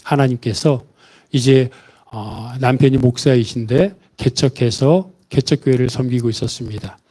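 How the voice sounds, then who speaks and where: Mellow-voiced male pastor telling a story. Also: mid-range voice, normal speed. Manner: storytelling, acting out quoted voices. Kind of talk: Sunday sermon.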